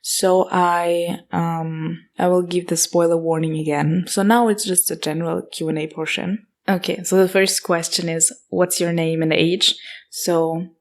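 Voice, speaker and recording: Hosting her own relaxed podcast Q&A, a twenty-something woman with an Austrian German accent chats along, full of fillers and self-corrections. She speaks unhurriedly in a low-ish, level tone.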